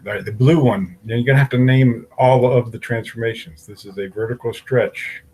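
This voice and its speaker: A math teacher leads an algebra lesson, working through graphs step by step and asking the class questions aloud. His voice is fairly low and a little mellow with a breathy edge, and the recording is low quality.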